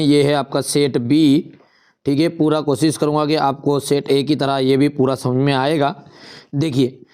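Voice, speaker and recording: A young male teacher works through an exam paper. His voice sits a bit high and sounds smooth and clean. He slows down and repeats key answers as if dictating them to students.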